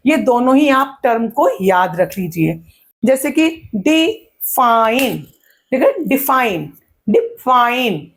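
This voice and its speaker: A woman teaching an exam-prep lesson, asking her own questions and answering them, and sounding words out slowly. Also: fairly high pitch, breathy edge. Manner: claps and stretches words out slowly to show syllables.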